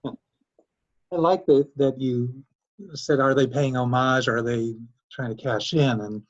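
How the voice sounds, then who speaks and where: A man's voice: medium pitch, steady tone. Rambling older man on a dull call line. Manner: rambling, halting, full of uh and restarts. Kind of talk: class discussion.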